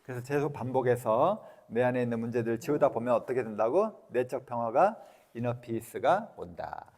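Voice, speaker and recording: Man, clinic director giving a lecture, blunt colloquial delivery, quizzes the audience, mid pitch, long hall reverb. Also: animated, a little fast, a little mellow. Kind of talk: casual spoken lecture.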